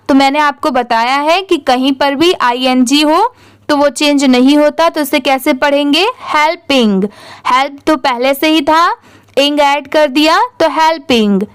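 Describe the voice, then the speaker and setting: Slow, high-voiced woman teaching spelling. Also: a bit bright, no room sound. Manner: spells words letter by letter, then asks and answers. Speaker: English reading teacher. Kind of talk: slow spelling-out lesson in Hindi.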